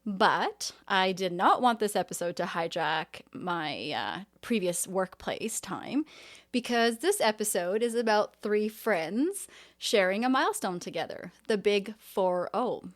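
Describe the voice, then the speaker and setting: A woman's voice: mid-range voice, animated, a little slow. A woman in her forties hosting a podcast in a casual, conversational way. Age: 40s. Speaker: podcast host.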